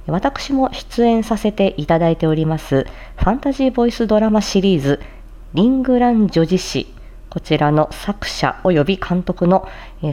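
Speaking in a mellow voice on the low side, a female voice performer runs a practice show. She talks casually to explain recitation, then delivers formal script passages, focusing on articulation and working through difficult phrases.

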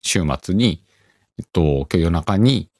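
A middle-aged man with a Kansai accent hosts a casual solo chat. His voice sits very low, yet he swings it up and down as he rambles through an animated story. The recording is close and dry, with no room sound. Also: slow pace, slightly rough, no echo. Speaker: podcast host.

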